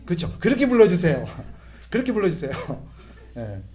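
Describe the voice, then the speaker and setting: A man's voice: sits high, big pitch swings, moderate pace, warm tone, soft background music. A middle-aged male pastor giving a humorous sermon, imitating voices and having the congregation repeat phrases after him.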